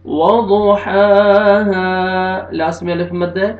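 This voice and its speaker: Urdu-accent guy teaching quran tajweed, stretches out the verses slow, kinda high voice, echoey dull recording. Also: steady tone, faint music behind. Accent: Urdu-speaking. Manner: slow drawn-out recitation between plain spoken explanations. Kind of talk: tajweed recitation lesson.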